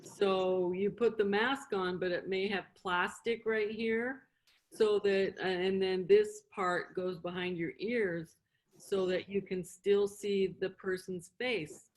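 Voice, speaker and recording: Over poor audio, a middle-aged woman speaks slowly at medium pitch with fairly even intonation while teaching an informal beginner class. A sign language interpreter and instructor whose first language is English, she uses short, simple steps, repetition and check-in questions.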